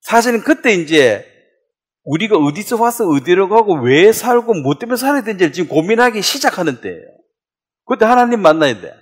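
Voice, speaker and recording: A man's voice: sits high, fairly quick, breathy edge. A man preaching a sermon as pastor, acting out voices as he goes. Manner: animated, acts out voices.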